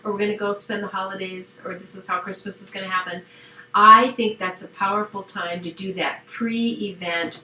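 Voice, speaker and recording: A woman who is a grandmother and a marriage counselor co-hosts a podcast, explaining things in an affirming, good-humored way. Her voice is bright and forward at a mid pitch. An echoey room with faint background hiss surrounds her. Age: middle-aged or older, has grandchildren. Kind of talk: casual chat.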